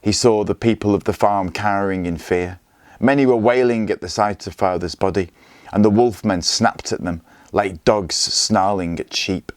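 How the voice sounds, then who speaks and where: A male teacher reads a story aloud in a steady, clear storytelling manner. His voice sits low, and the recording is dry and close with no room around it. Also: moderate pace, no room sound.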